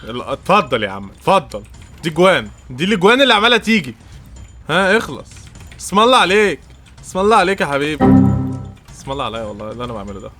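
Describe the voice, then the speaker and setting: Egyptian streamer, young man, rushed angry trash talk, game music underneath. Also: a little high, sing-song, bright, forceful tone. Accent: Egyptian Arabic. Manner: frustrated, trash-talking, swears and mocks the opponent. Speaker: gaming streamer. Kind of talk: live gameplay commentary.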